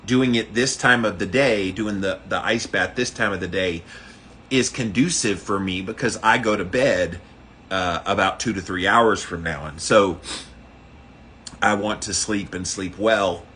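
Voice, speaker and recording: Bright-voiced man in casual livestream chat. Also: on the low side, a little slow. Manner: informal, explanatory. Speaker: livestream host doing a daily ice bath challenge. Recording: faint background noise.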